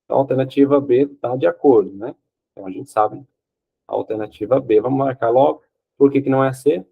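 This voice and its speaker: A man's voice: mid-range voice, fast, vocal fry, breathy edge, narrow, tinny audio. A man teaching Portuguese grammar for an exam, explaining step by step, asking questions and answering them himself, often checking with "ok?". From Brazil. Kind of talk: exam-prep grammar lesson.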